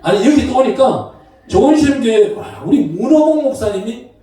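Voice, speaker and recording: High-voiced man preaching in echoey church. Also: moderate pace. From Gyeongsang region, South Korea. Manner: lively preaching with shouted call-and-response. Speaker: pastor. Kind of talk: sermon. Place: church sanctuary. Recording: roomy echo from far off the mic.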